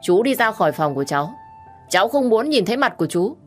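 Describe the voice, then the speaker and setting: A woman's voice: mid-range voice, animated, normal speed, soft background music, pitched above the performer's own voice, lightly acted. A woman voicing a drunk, tearful young woman who is stubborn and clingy, whining and pleading. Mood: drunk, petulant. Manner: whiny, insistent, pleading.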